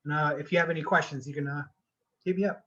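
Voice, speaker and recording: A man's voice: on the high side, fairly even intonation, quick pace, sharp tone, dull audio. A man from Alaska, a community health worker, introducing himself briefly in a laid-back way. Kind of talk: casual self-introduction.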